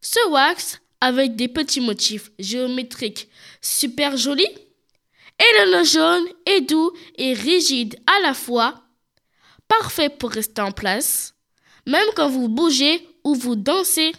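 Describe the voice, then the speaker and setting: A woman hosts a show, speaking straight to viewers as she presents products and describes each one in detail. She has a cold, sounding stuffy and coughing. Her voice is high-pitched, expressive, slow and fairly bright.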